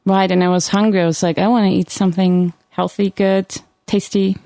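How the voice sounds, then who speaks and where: A woman's voice: medium pitch, little pitch movement, a little fast, creaky, dark tone, no room sound. A woman co-hosting a podcast in casual, upbeat chat. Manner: upbeat, laughs often. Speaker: podcast co-host.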